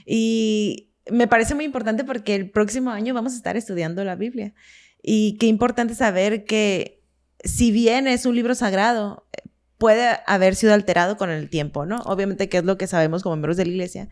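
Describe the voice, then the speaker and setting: A woman's voice: medium pitch, fairly even intonation, normal speed. A woman co-hosting a casual religious discussion, agreeing often and using many fillers. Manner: warm agreeing, frequent fillers. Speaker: podcast co-host.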